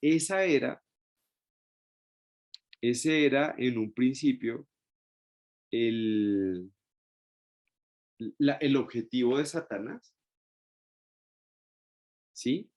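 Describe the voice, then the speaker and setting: A man's voice: medium pitch, very slow, long pauses, darkish tone. A man teaching a Bible study class, explaining step by step and often checking in with his listeners through short tag questions. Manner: explains step by step with many restarts. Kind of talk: Bible study lesson with a shared screen.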